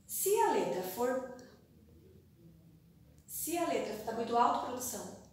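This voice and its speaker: A woman teacher giving a recorded classroom lesson, reading aloud and sounding out words slowly, syllable by syllable. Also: on the high side, very animated, darkish tone, slight background noise. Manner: slow, deliberate, stretches words syllable by syllable. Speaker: primary school teacher. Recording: very echoey room, voice far from mic.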